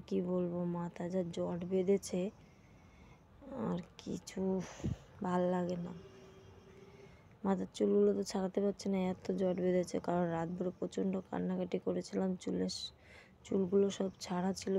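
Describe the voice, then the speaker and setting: A young woman talks through her day in a casual home vlog. She sounds sick and worn out, with a dark, gravelly voice and flat intonation, recorded on a phone with faint room noise behind her. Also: lowish voice. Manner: tired and unwell, talking through her day. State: sick, sore throat. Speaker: vlogger. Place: at home, indoors.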